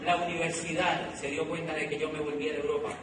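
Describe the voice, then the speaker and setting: Middle-aged man, Colombian accent, motivational speaker, high-pitched voice, animated storytelling, distant echoey hall recording. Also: fast talker, background noise. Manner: animated storytelling with repeated phrases. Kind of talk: motivational talk to an audience.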